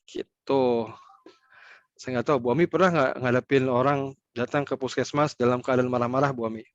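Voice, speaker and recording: A man's voice: medium pitch, steady tone, moderate pace, no echo, lo-fi sound. A man giving an online training talk, explaining step by step and repeating key points for emphasis.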